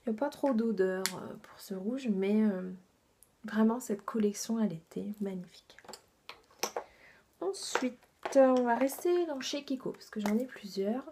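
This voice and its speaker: A woman's voice: a little high, expressive, unhurried, mellow, a little hiss or hum. A woman reviewing her makeup haul in a chatty, enthusiastic way, with many fillers and asides that drop to a half-whisper. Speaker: beauty vlogger.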